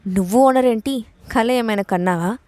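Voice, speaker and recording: A woman's voice: a little high, normal speed, a little mellow, no echo, natural voice. A woman reading the part of a bold young woman boss in an audio story, with a mocking, commanding way of talking. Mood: taunting.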